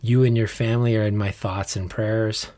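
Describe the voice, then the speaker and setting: A man's voice: lowish voice, level tone, moderate pace, dark tone. A man with an American accent, co-hosting a podcast in a conversational style. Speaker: podcast co-host.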